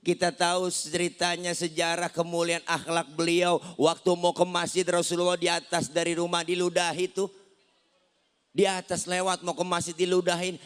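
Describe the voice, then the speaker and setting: A man's voice: high-pitched, monotone, moderate pace, clean tone. A man with a Sundanese accent preaching a humorous sermon, telling stories with acted dialogue and sing-song emphasis. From West Java.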